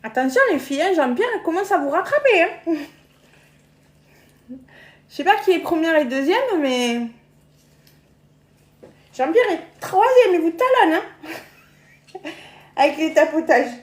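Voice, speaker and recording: A chatty woman with a high voice runs a live cooking demonstration from her home kitchen. She talks casually to viewers, trips over her words, and laughs easily. Her voice rings with the roomy echo of the kitchen. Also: very animated, unhurried, pauses often. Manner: chatty, laughs often, stumbles and repeats words.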